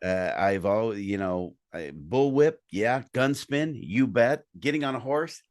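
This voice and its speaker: Male podcast host, playful and animated, video call chat. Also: lowish voice, a little slow, dry recording, studio quality. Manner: joking, animated storyteller. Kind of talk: casual interview chat.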